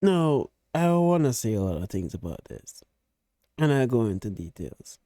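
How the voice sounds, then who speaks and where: A man with a soft-edged, mellow voice gives casual reaction commentary. He is opinionated and blunt, peppering his talk with profanity. The sound is dry, with hardly any room to it. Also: medium pitch, sing-song, normal speed, no room sound. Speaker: reaction video host.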